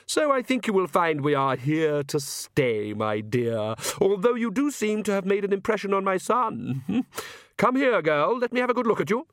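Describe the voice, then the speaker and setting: A condescending vampire countess, as a male narrator puts her on, her voice pitched well above his own and coated in false sweetness. Each line drips with haughty menace, and the sound is close and dry. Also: big pitch swings, normal speed, fairly bright tone, no room sound, exaggerated voice.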